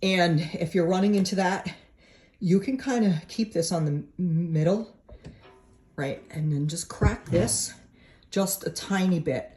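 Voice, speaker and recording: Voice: mid-range voice, a little slow, a little mellow. Casual home vlogger from New England, chatty how-to delivery, indoors by the stove, phone-camera feel. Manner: chatty and informal, with frequent tag questions. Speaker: home vlogger explaining a woodstove to a friend. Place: at home beside a woodstove, indoors.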